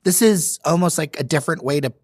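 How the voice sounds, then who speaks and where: A man's voice: a little high, fast talker, husky, dry recording, studio quality. A man hosting a podcast interview, asking curious questions with some light joking. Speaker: podcast host. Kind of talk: conversational interview.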